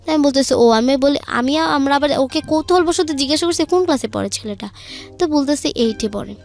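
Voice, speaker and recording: With a high voice, a touch of vocal fry, and a slightly fast pace, a young Bangladeshi-accented woman speaks over music. As a guest, she narrates her own life conversationally, retelling who said what one turn at a time.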